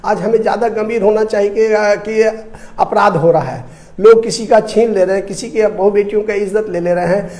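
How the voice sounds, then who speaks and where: High-pitched with a darkish tone and moderate pace, the voice belongs to a Bihari-accented man from India. As a commentator on a debate, he offers fervent, repetitive political points packed with rhetorical questions.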